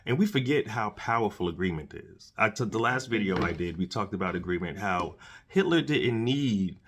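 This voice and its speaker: Earnest, preachy low-voiced man. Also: expressive, normal speed, a bit bright, breathy edge. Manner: earnest, preachy, repeats words and restarts. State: dry mouth, has candy in his mouth. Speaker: podcast host. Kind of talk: casual solo commentary.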